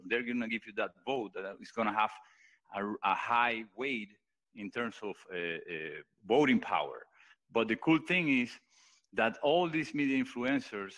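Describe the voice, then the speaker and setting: A man's voice: lowish voice, fairly bright tone, low-quality recording. A man presenting his post on a live voice chat, earnest and hesitant, with many fillers and restarts. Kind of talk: casual pitch on a live voice chat.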